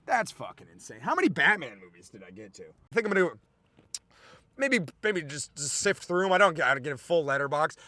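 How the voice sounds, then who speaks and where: A man with a high, lively voice rambles through a comic podcast monologue. He is excitable and profane, and he keeps drifting off on sidetracks. The recording is close and dry. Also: brisk, dry recording. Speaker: comedian podcast host.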